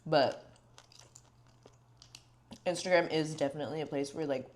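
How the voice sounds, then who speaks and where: A young woman hosts a podcast in a low voice with fairly even intonation at normal speed. Her casual chat is candid, laced with swearing and crowded with "like."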